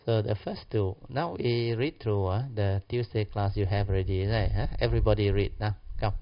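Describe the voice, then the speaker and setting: In dull, muffled lo-fi audio, a male Buddhist teacher with a Malaysian or Singaporean accent teaches informally at normal speed. His pitch is fairly low, and his colloquial slang English comes in clipped phrases with tag particles.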